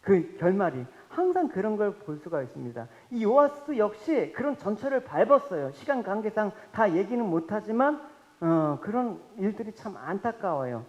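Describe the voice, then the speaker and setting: A man preaching a Sunday sermon as pastor, animated and often calling out to his congregation. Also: high-pitched, normal speed. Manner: animated, addresses congregation directly. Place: church sanctuary. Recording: reverberant hall, dull lo-fi sound.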